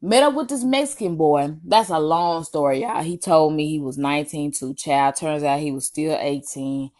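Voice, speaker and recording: A young adult woman with a Southern US accent tells a personal story casually to viewers, slangy and animated, with drawn-out emphasis and asides. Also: low-pitched. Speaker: storytime vlogger.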